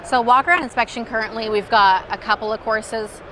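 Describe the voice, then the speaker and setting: A woman's voice: a little high, a little fast, bright, forceful tone, low-quality recording. A woman company representative explaining a product conversationally in a demo at a trade show. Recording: busy outdoor trade-show crowd noise.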